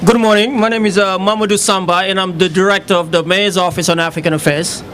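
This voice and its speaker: Halting man, high voice. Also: steady tone, background noise. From Senegal. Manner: halting, many fillers. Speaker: city office director. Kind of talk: formal public remarks.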